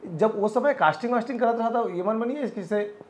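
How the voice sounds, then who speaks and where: A man's voice: high-pitched, quick pace. A man interviewing a director, chiming in with brief agreements. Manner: frequent short agreeing interjections. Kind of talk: conversational interview.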